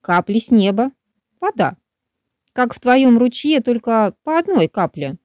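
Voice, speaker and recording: A woman voicing a friendly little male finch in a storybook, explaining things gently. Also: a little high, big pitch swings, a little slow, no echo. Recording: dull, dry studio sound.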